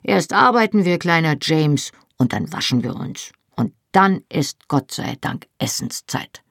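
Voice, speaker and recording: A reader playing a dry, joking grown man, an uncle with a deep voice, in an audiobook. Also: expressive, a little slow, vocal fry, fairly bright tone, dry recording, exaggerated voice.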